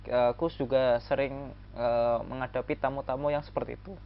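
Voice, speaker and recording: A man's voice: medium pitch, level tone, brisk. A man hosting a casual interview chat as a vlogger and migrant worker, speaking friendly and often chiming in with short agreements. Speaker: vlog host, migrant worker. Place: in Kuwait. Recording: muffled lo-fi recording with faint hum.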